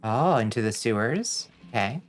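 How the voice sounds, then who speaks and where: A man's voice: medium pitch, lively intonation, moderate pace, faint music behind. A man streaming a video game, musing aloud in casual live commentary. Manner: musing aloud to himself and viewers.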